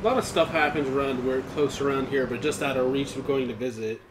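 A man's voice: medium pitch, a little fast. A young man chatting casually and teasing his friend with blunt comments while the friend plays a game. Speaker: gaming channel co-host. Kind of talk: casual let's-play chat. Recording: roomy room with steady background noise.

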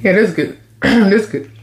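A woman hosting an eating show, talking slowly and casually with her mouth full of water. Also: mid-range voice, gravelly, a little mellow. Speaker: mukbang host. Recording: echoey room.

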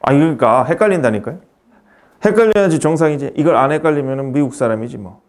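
A man teaching an English grammar lesson, brisk and quizzing his student as he goes. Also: fairly high pitch, animated.

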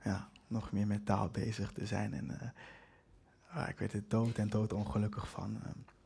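A man's voice: on the low side, little pitch movement, normal speed, creaky, dark tone, a little hiss or hum. Hesitant young man telling a story. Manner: hesitant, reflective, wry. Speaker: spoken-word performer. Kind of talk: personal storytelling on stage. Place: live stage with an audience.

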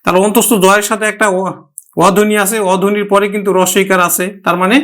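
A man with a Bangladeshi Bengali accent teaching a grammar lesson, addressing his students directly and slowly repeating each example word. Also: high-pitched, little pitch movement, fairly bright tone. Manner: slow, drawn-out repetition of example words.

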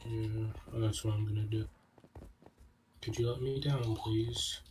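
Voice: mid-range voice, fairly even intonation, a little slow, far from the mic, background noise. A player chatting during a Minecraft session, nervous about enemies and joking with a friend. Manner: jumpy, anxious and joking. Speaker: Minecraft server player, guest. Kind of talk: casual gaming chat.

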